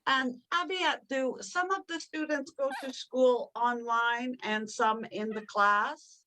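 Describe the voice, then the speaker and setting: A woman teacher speaks slowly with a bright, fairly high voice. She asks her learners short, simple questions and gives them time to answer. Her pace is unhurried and clear. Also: steady tone, a little hiss or hum. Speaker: language instructor.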